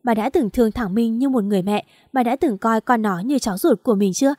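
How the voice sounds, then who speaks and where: A woman's voice: on the high side, quick pace, darkish tone, no room sound, studio quality, lightly acted. A woman reading an audiobook and voicing a harsh, scornful older husband. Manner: scolding, contemptuous.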